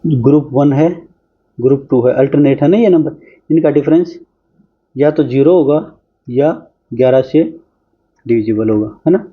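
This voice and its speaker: A man's voice: mid-range voice, slightly rough, narrow, tinny audio. A man teaching an exam-prep math lesson, talking chattily while he works through problems on screen. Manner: brisk, chatty, talks while solving on screen.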